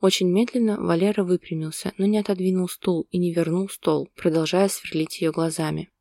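A woman narrating a romantic story in a calm, even manner. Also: on the low side, fairly quick, creaky, no room sound, clean studio sound.

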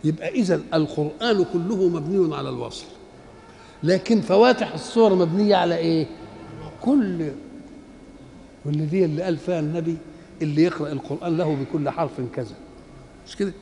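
A man's voice: fairly high pitch, a little fast, vocal fry, long pauses, mellow, slight background noise. An older man with an Egyptian Arabic accent giving a Quran commentary lecture, posing rhetorical questions and answering them like a teacher. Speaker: Islamic scholar. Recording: echoey hall with faint ambience.

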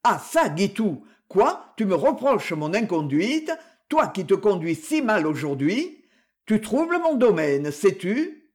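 A man's voice: high voice, sing-song, slow pace, darkish tone, slightly rough, full character voice. A man reading aloud, voicing an evasive younger brother who protests in a raised, blustering tone. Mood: reproachful.

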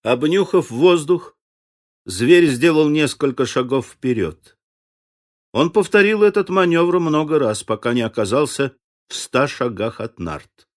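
A man narrating a classic adventure novel in a measured, expressive audiobook reading. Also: a little high. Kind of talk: scripted literary narration.

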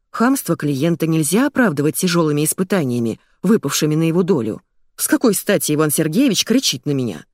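A woman narrates a first-person audiobook in a wry, conversational way. Her pitch moves around with lively phrasing. The sound is close and dry, as from a studio mic. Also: no echo.

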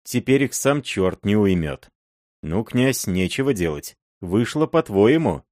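A man's voice: lowish voice, sing-song, unhurried, darkish tone, no room sound, studio quality. A man voicing a shrewd, blunt older robber chief who talks in an earthy, folksy way. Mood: gruff persuasion.

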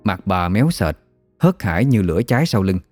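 A man, narrating a ghost story in a steady, measured way. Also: low-pitched, no room sound, soft background music.

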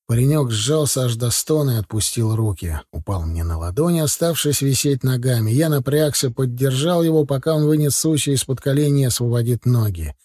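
Man reading an audiobook, mellow low tone, dry close mic, bit breathy. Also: no room sound. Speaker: audiobook narrator. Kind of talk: first-person audiobook narration.

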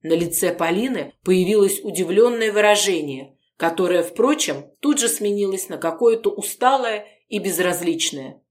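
Female narrator, measured first-person audiobook reading. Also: medium pitch, lively intonation, a little mellow.

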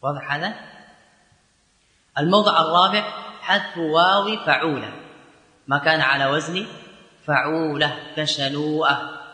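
A man gives a classroom grammar lecture in a bright, forceful voice, pitched a little high. He walks through each rule step by step and stretches the example words slowly. The sound is roomy, with a long hall reverb. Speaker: Arabic grammar teacher.

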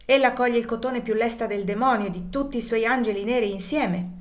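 A woman's voice: fairly high pitch, brisk, pitched above the performer's own voice, close to an everyday voice. Sambo, a spiteful fawning overseer, as a woman puts him on. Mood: sneering.

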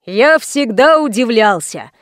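A woman's voice: fairly high pitch, expressive, a bit bright, no echo, studio quality. Woman playing a courtly old male doctor. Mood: ceremonious, fussy. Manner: slow, formal and courtly. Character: fussy ceremonious old male obstetrician.

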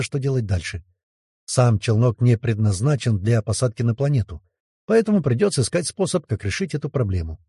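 A man giving steady first-person scripted narration of a science fiction audiobook. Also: mid-range voice, breathy edge, no room sound, clean studio sound.

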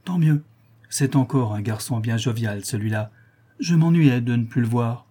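A man's voice: mid-range voice, normal speed, dark tone, breathy edge, close to an everyday voice. A man voicing an eager, chatty young servant in a classic novel reading. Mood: cheerful.

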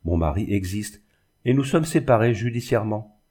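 A man's voice: fairly low pitch, expressive, normal speed, a little mellow, husky. A man voicing a proud, resolute young woman in an audiobook reading, speaking with fervent firmness. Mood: grave. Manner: fervent, pleading, firm.

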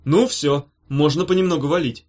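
A man reading a story voices a rowdy, cheerful young prankster who talks loud, brash and slangy. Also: on the high side, moderate pace, natural voice. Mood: boisterous. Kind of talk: audiobook character voice.

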